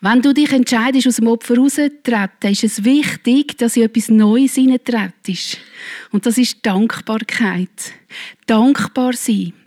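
A woman's voice: on the high side, unhurried, a little mellow. A middle-aged woman preaching a sermon, speaking earnestly and directly to her congregation.

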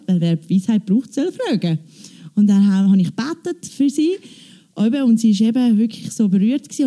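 A woman telling a church testimony on stage, animated, quoting dialogue in a chatty way. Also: medium pitch. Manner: animated storytelling, quoting with "ich so, sie so". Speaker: church member giving testimony.

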